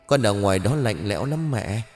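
A man voicing the ghost of a murdered young woman, speaking quietly and sadly to her mother in a horror story. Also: lowish voice, animated, normal speed, in a large hall, lightly acted. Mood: sad, hushed. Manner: quiet, subdued pleading. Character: grieving young woman's ghost, soft and cold.

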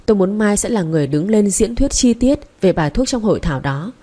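A woman reading the lines of a calm, patient young man who tutors and explains things step by step, in an audiobook. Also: medium pitch, fast, lightly acted. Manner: patient, instructive.

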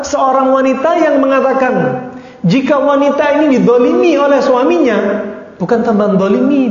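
A male religious teacher giving a lively sermon, asking rhetorical questions and making joking asides. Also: high voice. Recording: echoey hall, dull lo-fi sound.

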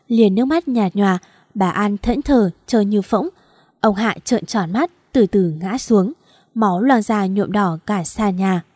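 Một người phụ nữ đọc truyện audio, giọng kể đều và giàu kịch tính. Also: female voice, medium pitch, no room sound, clean studio sound. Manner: steady, dramatic storytelling. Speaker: audiobook narrator. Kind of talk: scripted story narration.

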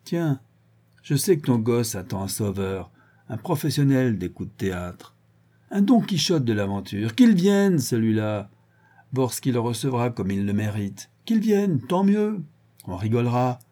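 Voicing a cruel and unhinged villain in an audiobook, a man rants and gloats, moving between loud shouts and low hisses. He takes an unhurried pace, with big swings in pitch.

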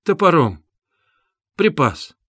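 A man's voice: fairly high pitch, very animated, fairly bright tone, husky, no room sound, studio quality, heavily acted. A man voicing Nikolai, a breathless confessing prisoner. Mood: desperate confession. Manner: breathless, halting, strained. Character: Nikolai, pale young male prisoner confessing.

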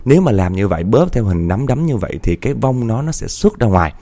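A man telling a ghost story, animated, repeating words for effect and speaking straight to his listeners. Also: lowish voice, fast talker, dry recording. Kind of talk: spoken ghost story narration.

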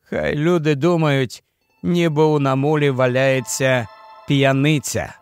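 A man narrating a gritty crime audiobook in a measured, steady storytelling manner. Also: on the high side, smooth, soft background music.

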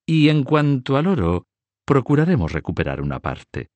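A man voicing a cunning older banker who speaks smoothly and persuasively. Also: medium pitch, sing-song, normal speed, a little mellow, dry recording, pitched above the performer's own voice, lightly acted. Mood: instructive. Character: cunning older Italian male banker, soft-spoken.

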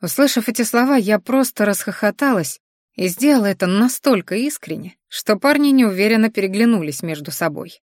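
A woman reading a first-person audiobook, expressive and sardonic. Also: medium pitch, fairly quick, no room sound, clean studio sound. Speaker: audiobook narrator.

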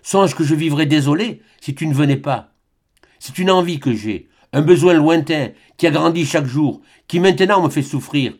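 A man's voice: fairly high pitch, normal speed, darkish tone, lightly acted. A man reading aloud, voicing a passionate young woman who pleads with her lover in an ardent, imploring manner. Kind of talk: audiobook character reading.

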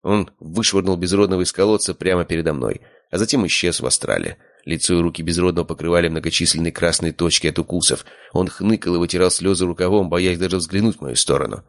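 A man narrating a first-person audiobook in a measured, even storytelling manner. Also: low voice, no echo, studio quality.

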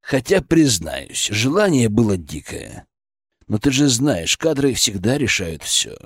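A man's voice: medium pitch, big pitch swings, unhurried, slightly rough, dry recording, studio quality, voice pushed down. A man voicing a sarcastic, nervous, middle-aged male department head who grumbles about his boss. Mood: wry.

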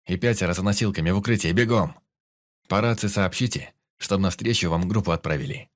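A man playing a brisk, bossy squad leader. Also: low voice, natural voice. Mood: commanding. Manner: commanding, fussy. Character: brisk male squad medic, takes charge.

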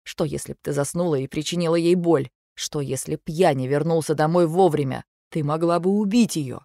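A woman voicing a worried young husband who speaks softly, low and insistently. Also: a little fast, no room sound, studio quality. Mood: firm. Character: worried young husband, gentle but firm.

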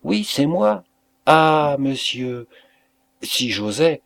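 A man's voice: medium pitch, a little slow, no room sound, lightly acted. A man voicing an emotional, grateful innkeeper who speaks in raised, exclamatory bursts. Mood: overjoyed. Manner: effusive, exclamatory.

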